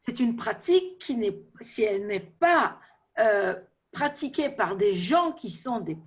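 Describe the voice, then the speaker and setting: A woman's voice: a little high, expressive, unhurried. A non-native French-speaking woman with a foreign accent, explaining her field off the cuff and often searching for words. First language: not French. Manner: hesitant, searching for words, seeking agreement with tags. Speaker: therapeutic riding professional on a panel. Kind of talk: unscripted explanation in an online meeting. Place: web video meeting.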